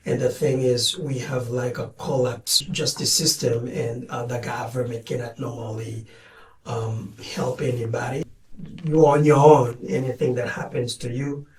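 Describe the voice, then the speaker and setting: A man's voice: medium pitch, fairly even intonation. Man, roomy and distant. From Haiti. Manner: measured, plain, with some hesitations. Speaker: guest, community director. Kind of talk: interview answers. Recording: roomy sound from a distance with faint music.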